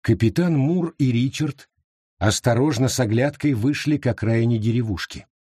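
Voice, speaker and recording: A man narrating a horror audiobook in a slow, expressive storytelling manner. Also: mid-range voice, husky, dry recording, studio quality.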